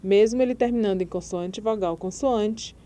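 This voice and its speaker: A woman's voice: medium pitch, dark tone. A woman teaching English grammar, patiently explaining rules and spelling out letters one by one. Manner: patient, spells out letters and repeats example words slowly. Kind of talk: slow explanatory grammar lesson.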